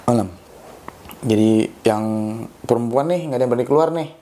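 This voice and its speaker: A young man with telling a ghost story in a casual, loose way, often pausing with hesitations. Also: medium pitch, warm tone, slight background noise. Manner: loose and rambling, with frequent hesitations. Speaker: guest storyteller.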